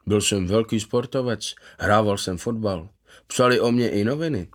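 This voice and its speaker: A man voicing a gentle, contented former footballer in his fifties, who talks eagerly and proudly about his past. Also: lowish voice, natural voice. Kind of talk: voiced character in a read story.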